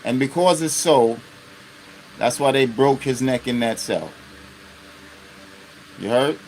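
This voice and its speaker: Speaking slowly in a medium-pitched, somewhat mellow voice, a man in his fifties hosts an unscripted live stream. He is blunt and profane, with constant rhetorical check-ins to his listeners. The audio is poor, with a little background noise.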